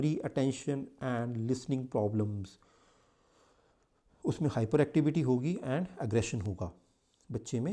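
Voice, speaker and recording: A man's voice: mid-range voice, dark tone. A man with an Indian accent teaching an exam-prep lecture, mixing English terms into his talk and often repeating and correcting himself. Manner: mixes English into Hindi, repeats and self-corrects.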